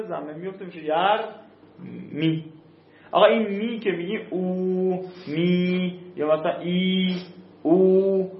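A man teaching a class, stretching out key terms and checking that his students follow. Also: on the high side. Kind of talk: classroom lesson on Arabic grammar rules. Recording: echoey, slightly dull room recording.

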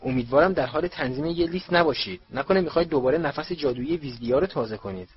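A man voicing a fussy, bossy middle-aged mother witch who scolds her sons briskly. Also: medium pitch, lively intonation, muffled recording, lightly acted. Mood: scolding.

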